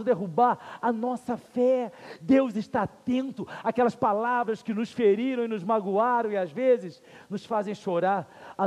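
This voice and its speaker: A man with a Brazilian accent preaching a sermon as pastor, earnest and emphatic, with slow repeated phrases and rhetorical questions. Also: very high voice, darkish tone. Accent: Brazilian Portuguese. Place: church sanctuary. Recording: long reverb of a church hall.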